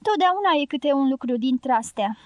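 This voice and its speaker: A woman reading the part of a strong-willed older woman in an audiobook, gruff and curt in manner, in a dry studio sound. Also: sits high, lively intonation, darkish tone, dry recording, lo-fi sound. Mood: gruff, brooding.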